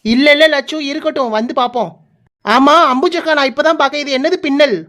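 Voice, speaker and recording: A woman's voice: sits high, brisk, fairly bright tone. A woman voicing a chatty, teasing village neighbour in a cartoon, with a Kanyakumari Tamil accent. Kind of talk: cartoon voice acting.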